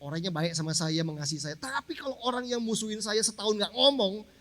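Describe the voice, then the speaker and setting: A man's voice: sits high, fast talker, a bit bright. A man preaching a sermon to his congregation, telling a personal story in a casual, conversational way and speaking to the listeners directly. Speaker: pastor. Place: large church hall. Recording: long church hall reverb.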